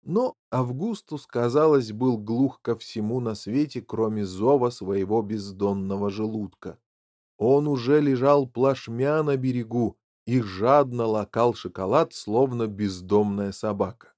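A man narrating a children's audiobook in an expressive, measured way. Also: medium pitch, dry recording, studio quality.

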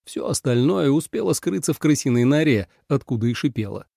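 A man's voice: medium pitch, expressive, brisk, creaky, mellow, no echo, studio quality. A man narrating an audiobook in a storytelling manner.

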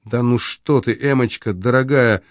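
A desperate, lovesick young man, as the audiobook reader puts him on, pleading in slow, trembling whispers. His voice is middle-pitched and sits dry and close to the mic. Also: no room sound, lightly acted. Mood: tender pleading.

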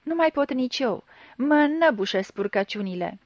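An urgent, guilt-ridden young man, as a woman puts him on in an audiobook reading, pleading in loud outbursts. His voice rises higher than the reader's own. The sound is dry and close. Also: animated, no echo. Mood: desperate.

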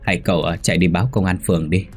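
A man's voice: low-pitched, steady tone, quick pace, soft background music. A man playing a firm older neighborhood chief. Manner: firm, giving orders. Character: older male neighborhood leader, firm and commanding.

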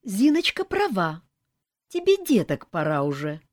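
A woman's voice: mid-range voice, huge pitch swings, a little slow, pitched above the performer's own voice. A woman reading an audiobook voices a fussy middle-aged mother who scolds and insists. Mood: doting.

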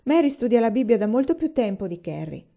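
A woman's voice: a little high, big pitch swings, brisk, warm tone, voice pushed up. A woman reading aloud and voicing a restless, spirited young pioneer girl, her voice lifted a little and eager. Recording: slightly dull lo-fi recording.

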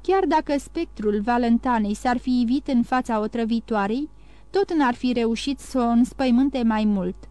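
A woman narrating a classic novel as an audiobook, reading in a measured, even way. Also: on the high side, dry recording. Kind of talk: scripted narration.

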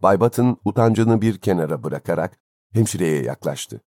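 A man reading a story aloud as an audiobook narrator, in a measured, expressive way. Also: deep voice, no room sound, studio quality. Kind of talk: scripted narration.

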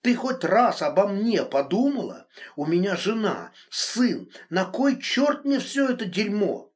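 A man's voice: big pitch swings, measured pace. A man voicing a furious, controlling middle-aged married man in an audiobook, hurling accusations and hissing threats. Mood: enraged. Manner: shouting accusations, then hissing low threats. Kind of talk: audiobook reading.

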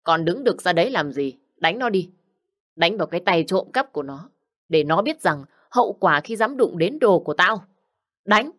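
A woman's voice: on the low side, lively intonation, normal speed, fairly bright tone. A woman voicing a spoiled, spiteful young woman who accuses and demands punishment. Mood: accusing.

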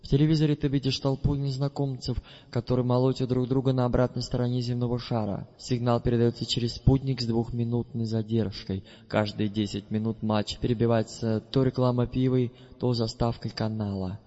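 A man reading a first-person audiobook in a measured, deliberate way. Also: mid-range voice, flat delivery, dark tone. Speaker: audiobook narrator. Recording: dull recording with long reverb.

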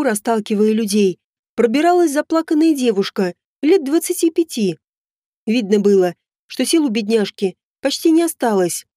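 Brief: female audiobook narrator, steady read, slightly high pitch, dry studio sound. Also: no echo. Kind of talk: scripted first-person narration.

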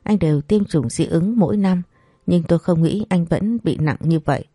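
A woman narrating a first-person story in a steady, even reading. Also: fairly low pitch, normal speed, slightly rough, dry recording, studio quality.

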